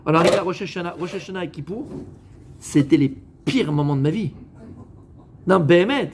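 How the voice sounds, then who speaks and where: A man from France, a rabbi, giving a lively, joking sermon to a live audience, talking straight to his listeners and mixing in Hebrew religious words. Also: high-pitched, moderate pace, slightly rough.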